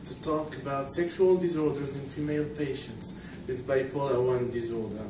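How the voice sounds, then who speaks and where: A man's voice: medium pitch, steady tone. Man lecturing from afar in echoey hall. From Tunisia. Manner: measured, explanatory, with frequent fillers. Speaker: conference speaker. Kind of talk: academic conference talk. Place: conference hall. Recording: distant, echoey hall with noise.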